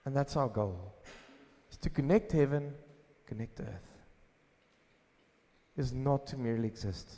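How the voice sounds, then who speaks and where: A pastor preaching a sermon at a pulpit microphone, asking questions and answering them himself with emphasis. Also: male voice, medium pitch, measured pace, long pauses, warm tone. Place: church hall. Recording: long hall reverb.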